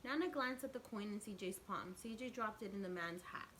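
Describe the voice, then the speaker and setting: A woman teacher reading a picture book aloud to young children, expressive and explaining things simply. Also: mid-range voice, a little fast, a little hiss or hum, low-quality recording. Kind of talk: read-aloud storytelling with asides to young listeners.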